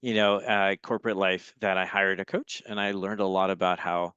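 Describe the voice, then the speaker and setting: A man from Los Angeles, a guest facilitator, talking enthusiastically in a conversational interview over a video call, telling lively stories. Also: low voice, normal speed, clean tone, dry recording, lo-fi sound. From Los Angeles, United States.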